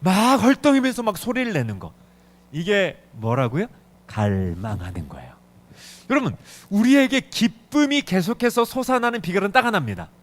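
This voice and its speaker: A man's voice: huge pitch swings, moderate pace. A middle-aged male pastor preaching a sermon in a church, emphatic and urgent, pushing key words hard. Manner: emphatic, swings pitch up and down for emphasis. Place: church sanctuary.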